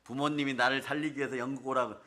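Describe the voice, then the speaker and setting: A man preaching a revival sermon in a church, telling a story with lively, acted-out scenes. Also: medium pitch, rapid-fire. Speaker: pastor. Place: church sanctuary.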